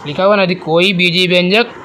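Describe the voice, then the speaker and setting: A high-pitched male math teacher talks through a lesson. He keeps asking the class questions and then answers them himself, and he slowly restates each definition. Faint noise hums behind him. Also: fairly even intonation, sharp tone. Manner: repeats and rephrases definitions slowly.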